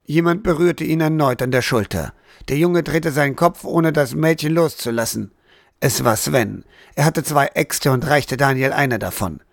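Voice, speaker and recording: A man reading an audiobook aloud as narrator, in a steady, even storytelling manner. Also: on the high side, moderate pace, creaky, no echo, studio quality. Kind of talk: scripted narration.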